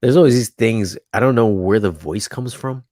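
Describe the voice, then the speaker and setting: A man's voice: fairly low pitch, moderate pace, dark tone, dry recording, clean studio sound. A man co-hosting a casual live chat, laid-back and teasing, speaking easily. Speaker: co-host.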